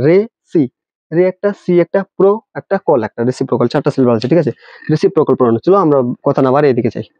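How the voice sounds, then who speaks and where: A man's voice: medium pitch, no echo. A man teaching an English grammar lesson, spelling words letter by letter and asking his students rhetorical questions. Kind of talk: classroom-style grammar lesson. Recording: dry, dull lo-fi recording.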